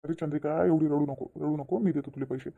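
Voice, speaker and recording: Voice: mid-range voice, fairly even intonation, fast talker, gravelly, phone-quality sound. A voice actor playing a kind, trusting husband in a cartoon, soothing and reassuring his wife. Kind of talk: cartoon voice acting.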